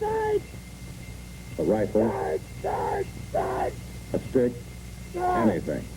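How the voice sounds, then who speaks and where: This mellow, medium-pitched male voice delivers scripted instructions for a training film in short, commanding phrases. The old film audio is muffled and carries a little hiss or hum.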